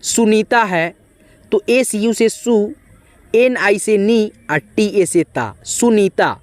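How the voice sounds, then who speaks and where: A man's voice: high voice, takes it slowly, no room sound. A man teaching beginners to spell names, patiently spelling out letters and talking directly to his viewers. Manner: patient, repeats friendly asides to viewers.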